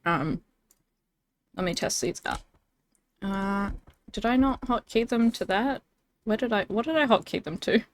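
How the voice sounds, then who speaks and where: A young woman talks to her stream viewers in a loose, bubbly way. She giggles often and fills her sentences with little asides. Her voice sits at an ordinary middle pitch. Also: expressive, a little slow, pauses often, slight background noise. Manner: bubbly and giggly, many fillers. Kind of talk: casual live-stream chat.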